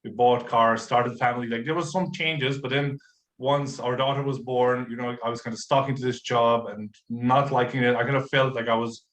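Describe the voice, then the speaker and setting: A man from Croatia in his thirties, a podcast guest telling his story in relaxed, casual conversation full of fillers and restarts. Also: medium pitch, moderate pace. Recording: roomy echo.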